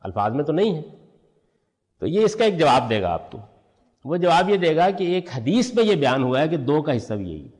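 A man's voice: fairly high pitch, big pitch swings, darkish tone, in a large hall. An older man teaching a religious lesson, explaining step by step and answering his own questions. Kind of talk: lecture on Quranic language.

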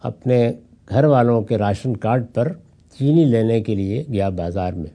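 A man's voice: on the low side, warm tone. An older man giving a Quran commentary lecture as an Islamic scholar, telling anecdotes and reciting Arabic verses.

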